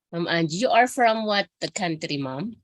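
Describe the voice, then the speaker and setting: A woman adviser with a somewhat low voice, hoarse from a dry cough, questions a presenter politely on a video call. She addresses the other speaker as ma'am. The sound is dry and close, with no room echo. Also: expressive, takes it slowly. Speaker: academic adviser reviewing proposals.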